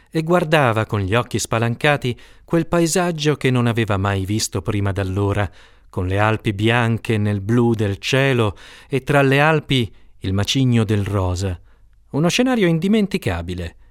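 Man, audiobook narrator, steady expressive reading, mid pitch, dry close sound. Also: normal speed, no room sound.

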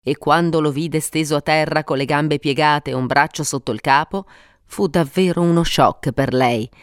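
A woman narrating a story for an audiobook, reading expressively with dramatic pauses. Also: low-pitched, clean tone, no echo, clean studio sound. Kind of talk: scripted narration.

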